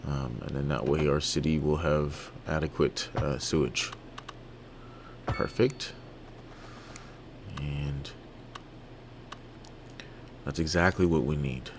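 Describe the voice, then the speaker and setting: Very deep-voiced gravelly man from Canada. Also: background noise. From Toronto, Canada. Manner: relaxed, halting, many fillers and restarts. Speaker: gaming video creator. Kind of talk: casual let's-play commentary.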